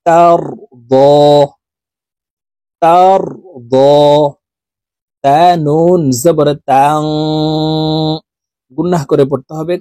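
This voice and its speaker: A man teaching Quran reading, spelling out syllables slowly and adding quicker, quieter explanations. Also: a little high, no room sound. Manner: drawn-out spelling drills, quicker quieter asides. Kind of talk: slow recited lesson with explanations.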